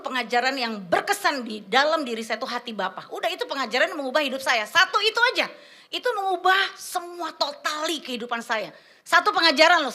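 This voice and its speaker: A woman preaching a testimony sermon to a church congregation, animated and full of slang, calling the listeners "saudara". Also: high-pitched. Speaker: guest preacher. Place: church service before a congregation.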